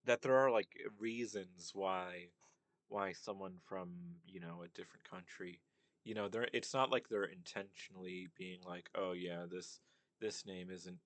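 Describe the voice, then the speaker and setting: A young man with a very low voice talks through his thoughts in a loose, unscripted monologue. He circles back often, leaning on fillers and restarting his sentences. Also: moderate pace, fairly bright tone, no room sound. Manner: rambling, many fillers and restarts. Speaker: commentator on language. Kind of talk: casual monologue.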